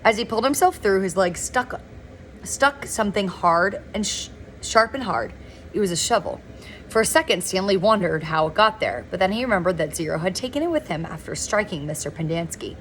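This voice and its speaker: A woman reading a novel aloud in a relaxed, informal way, now and then stumbling over words and correcting herself. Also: mid-range voice, a little fast, a little hiss or hum. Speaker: reader of a novel. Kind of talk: informal read-aloud narration.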